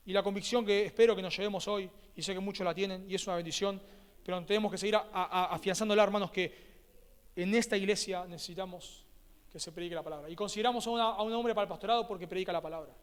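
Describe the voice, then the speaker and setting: Argentine pastor preaching with high emphatic voice. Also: male voice. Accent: Rioplatense Spanish. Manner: emphatic, repeats key words. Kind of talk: sermon. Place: church hall. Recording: echoey church hall.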